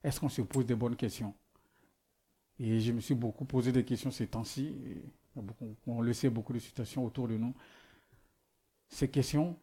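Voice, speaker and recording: A sermon comes from a man with a mellow, breathy mid-range voice who is not a native speaker and whose first language is not French. He relies on rhetorical questions and often begins again as he reaches for words.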